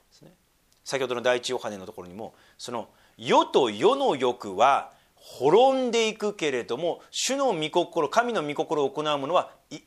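A man giving a sermon, moving between quiet, low asides and emphatic, slow readings of scripture. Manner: wide swings between hushed asides and emphatic raised reading; slows down to read scripture deliberately. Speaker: pastor.

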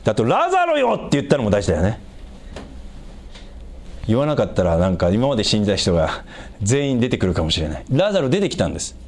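A middle-aged man preaching a sermon as a pastor, explaining scripture in an animated way and making small jokes with the congregation. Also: quick pace, pauses often. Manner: animated, raises pitch for emphasis and quoted lines, jokes with the congregation.

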